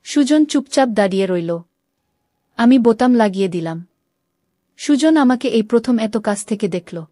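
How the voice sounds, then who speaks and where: A woman's voice: on the high side, expressive, moderate pace, mellow, no echo, studio quality. A woman telling a first-person story, reading every character's lines in her own voice with only small shifts.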